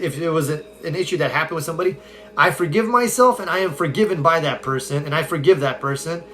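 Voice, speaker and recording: A man with a slightly high voice chats on a live phone stream, upbeat and conversational as he answers viewer questions. Faint music plays quietly behind him. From California. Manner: upbeat, conversational, reads viewer comments aloud. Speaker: self-help coach.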